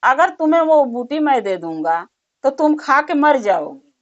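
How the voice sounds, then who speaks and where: A wise wandering holy man who lays out his test step by step, patient and unhurried, as a woman storyteller puts him on. The voice sits fairly high and steady. The recording is dull and lo-fi. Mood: instructing. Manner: instructing, measured and patient.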